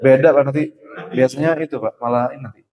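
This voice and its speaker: A man teaching a Quran recitation class in a mosque, repeating letter sounds slowly to show how they are said. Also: medium pitch, fairly even intonation, darkish tone. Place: mosque study session.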